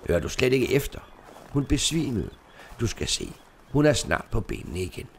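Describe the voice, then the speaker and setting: A man voicing a big, broad-shouldered middle-aged dealer with a deep voice and a blunt, firm way of speaking in a storybook reading. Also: huge pitch swings, gravelly, slight background noise. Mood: gruff firm.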